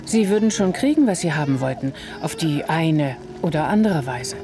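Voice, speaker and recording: Over music, a woman plays a chatty, watchful neighbour who gives witness testimony in a radio crime drama. Her voice sits low and is expressive; she tells her account in a deliberate, emphatic, earnest way.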